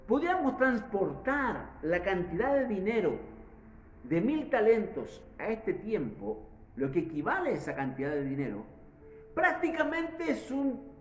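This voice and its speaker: A man's voice: high voice, big pitch swings, unhurried, reverberant, slight background noise, poor audio. A man from Chile preaching a sermon, retelling a parable with restarts and repeated words.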